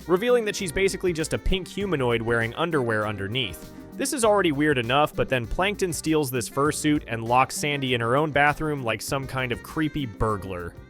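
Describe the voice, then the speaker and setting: A man's voice: medium pitch, expressive, brisk, fairly bright tone, faint music behind. A man narrating a scripted cartoon breakdown with a sarcastic, incredulous tone.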